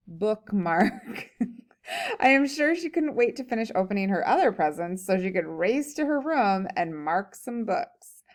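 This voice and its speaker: A woman teacher's mid-range voice carries a humorous story she reads aloud, interrupted by her own chatty think-aloud comments and laughter.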